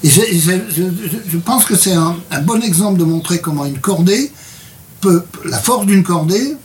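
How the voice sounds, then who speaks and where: Man, fairly high voice, hesitant translator, mic a little far off. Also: lively intonation, moderate pace, darkish tone, a little hiss or hum. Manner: hesitant, repeats words. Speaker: translator presenting a book. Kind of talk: casual interview chat with read excerpt.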